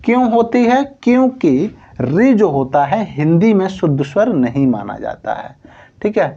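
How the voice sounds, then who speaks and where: A man's voice: high voice, big pitch swings, measured pace, warm tone, slightly rough, muffled recording. Male Hindi teacher drawling out vowels. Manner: repeats "theek hai" often, asks and answers his own questions; drawls and stretches words to show vowel length. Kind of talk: exam coaching lesson.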